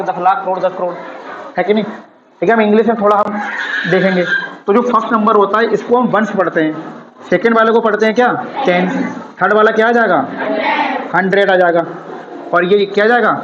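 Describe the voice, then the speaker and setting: High-voiced male teacher in an echoey classroom. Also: a bit bright, slight background noise. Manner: asks the class questions and answers them himself; slow and repetitive explaining. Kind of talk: classroom lesson. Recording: echoey room, dull sound.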